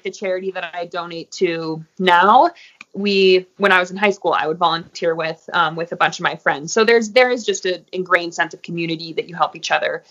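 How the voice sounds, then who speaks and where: Relaxed lower-voiced woman, lo-fi. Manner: friendly, many fillers like um and you know. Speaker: interview guest, athlete. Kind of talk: casual interview talk. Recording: muffled, lo-fi audio.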